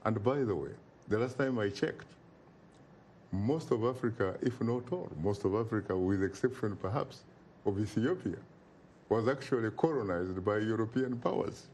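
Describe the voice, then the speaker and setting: A Ugandan man appears as an interview guest, speaking with passion in an emphatic, oratorical style and repeating phrases for effect. His lowish, slightly mellow voice has lively intonation and a moderate pace, with a little hiss or hum in the background.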